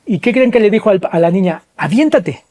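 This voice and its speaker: A man's voice: fast talker, dark tone. A man hosting a podcast, telling a story and asking the listeners rhetorical questions as he explains. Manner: acts out quoted voices with pitch jumps. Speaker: podcast host.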